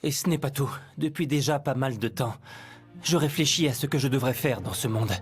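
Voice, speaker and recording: A man voicing a calm, shrewd hero who hates conflict, in an anime dub. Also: mid-range voice, brisk, slightly rough, soft background music, natural voice. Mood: earnest. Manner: calm, sly, reasoning. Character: shrewd, peace-loving husband who is a hero.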